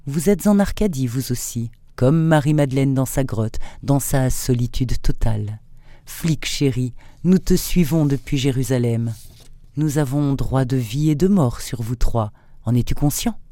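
A man voicing a threatening captor hidden in darkness, asking cold questions with a lifted, pressing tone. Warm, mellow timbre in a dry, close recording, like a thriller audiobook. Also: medium pitch, a little slow, no echo, natural voice. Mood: menacing. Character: menacing unseen male captor in the dark.

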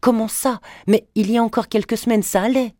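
A narrator voicing a grown daughter who is shocked and pleading, in a storybook reading. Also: female voice, lively intonation, normal speed, dark tone, dry recording, natural voice. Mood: distraught. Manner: pleading, higher and sharper than the narration.

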